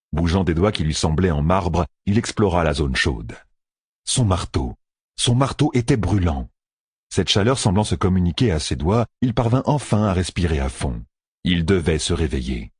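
A man reading a fantasy audiobook in a measured, expressive storytelling voice. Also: low-pitched, husky, no echo, clean studio sound. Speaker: audiobook narrator. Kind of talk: scripted fantasy audiobook narration.

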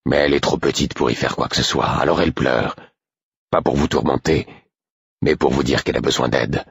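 A man voicing a stern, tired grown man in an audiobook, speaking low, measured and firm. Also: steady tone, creaky, slightly rough, no room sound, studio quality, exaggerated voice.

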